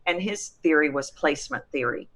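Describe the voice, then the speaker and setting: A middle-aged woman from Texas, a voice coach, explaining her methods in an interview with an animated, emphatic manner. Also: low voice, brisk. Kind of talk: expert guest in an interview.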